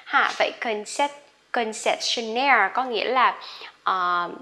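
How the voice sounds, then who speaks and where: A woman teaching English pronunciation, stretching out each example word slowly and chatting quickly in between. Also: a little high, bright, forceful tone. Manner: drawn-out slow modeling of each word, quick chatty asides. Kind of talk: pronunciation lesson.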